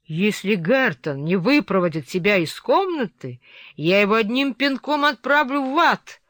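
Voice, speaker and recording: A furious, harsh master of the house , as the reader of a storybook puts him on, shouting threats, loud and raised well above the reader's usual tone. The recording is dry and close, with no room sound. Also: medium pitch, animated, a little slow, dry recording.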